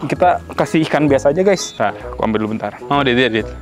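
A man chatting excitably to viewers while handling and feeding a pet, talking outdoors. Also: medium pitch, quick pace, faint music behind. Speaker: animal vlogger. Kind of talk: casual vlog chatter.

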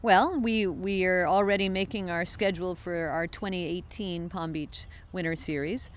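A middle-aged woman answering an interviewer's questions outdoors on a farm lawn, talking into his handheld mic in a relaxed, conversational way and often restarting her sentences. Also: fairly low pitch, normal speed. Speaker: guest, show organizer. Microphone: interviewer's handheld microphone.

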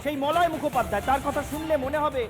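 A man anchoring a news program, giving emphatic, measured commentary. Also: extremely high pitch, music in the background.

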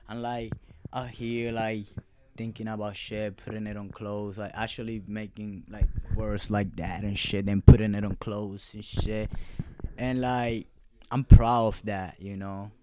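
This man founded a clothing brand and comes from Puerto Rico, with Spanish as his first language. Giving casual interview answers, he uses profane, loose street talk full of fillers, his lowish, mellow voice moving little in pitch at a slightly slow pace. Slight background noise is audible.

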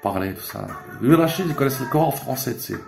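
A man's voice: medium pitch, expressive, quick pace, gravelly, music in the background. A man telling a rambling, emotional story in a casual monologue, dropping Arabic religious expressions and swearing as he goes. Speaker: vlogger.

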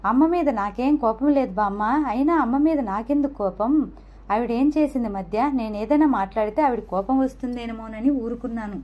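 A woman's voice: on the high side, normal speed, highs cut off, natural voice. A woman voicing a troubled, earnest young mother who speaks pleadingly.

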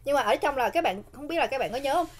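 A woman's voice: sits high, lively intonation, quick pace. A woman in her thirties with a Southern Vietnamese accent, chatting casually as she co-hosts a snack tasting and often repeating short phrases. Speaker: snack tasting show co-host. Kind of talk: casual mukbang chat. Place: small indoor set with curtained backdrop. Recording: clear background noise, crinkling packaging.

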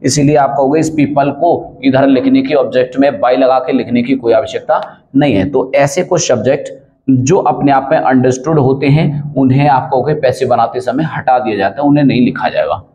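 A man's voice: mid-range voice, normal speed, mellow, dull audio. A man teaching an English grammar lesson, explaining step by step and often asking checking questions.

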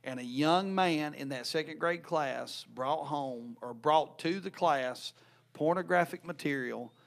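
A man's voice: on the high side, measured pace, gravelly. A man, a youth pastor co-hosting a casual podcast talk, earnest and restarting his words often, speaking into a desk mic in a small church room. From North Carolina, USA. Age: 30s. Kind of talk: casual chat. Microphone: desk mic on a stand.

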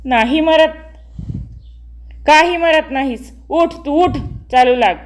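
A woman's voice: high voice, expressive, a little slow. A woman voicing a stern, scolding mother. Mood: angry, scolding. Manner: loud, scolding, sharp commands. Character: stern village mother scolding her son.

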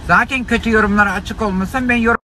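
A man live-streaming an indignant, scolding rant at his viewers from inside a car, his voice hoarse from shouting. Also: sits high, steady tone, fast talker, poor audio. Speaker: livestreamer. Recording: loud car and street noise.

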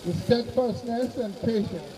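A male clergyman reads graveside prayers in short, solemn phrases. His voice is strikingly high and mellow, and he is recorded outdoors from a distance. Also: expressive. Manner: measured, formal recitation in short phrases. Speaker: clergyman officiating at a burial. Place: outdoor cemetery on open grassy ground. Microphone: far camera behind the speaker. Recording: distant mic outdoors, faint noise.

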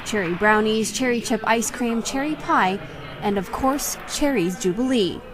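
A woman reporter reading a scripted news voice-over in a measured tone. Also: fairly high pitch, a crowd in the background.

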